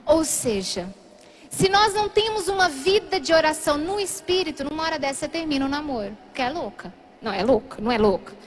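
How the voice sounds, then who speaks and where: High-voiced Brazilian woman telling a story. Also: a little fast. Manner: animated, acts out dialogue in shifting voices. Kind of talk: storytelling testimony.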